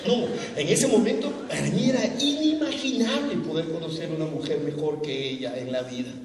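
Lively male preacher telling his story, high voice, far off in a reverberant hall. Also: fairly quick, crowd noise. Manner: animated storyteller, often laughing. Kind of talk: sermon testimony. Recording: echoey hall, far from mic, audience.

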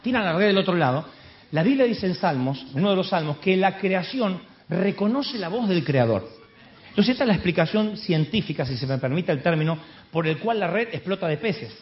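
A man's voice: high voice, expressive, a little fast. A man with an Argentine accent preaching a humorous sermon, telling the story with comic asides. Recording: dull live recording, faint crowd.

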